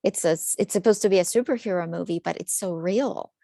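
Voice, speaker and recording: Gravelly-voiced woman telling her story. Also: lowish voice, fairly quick, warm tone, no room sound. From Ukraine. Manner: earnest storytelling with light jokes. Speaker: psychologist presenter. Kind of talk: webinar talk.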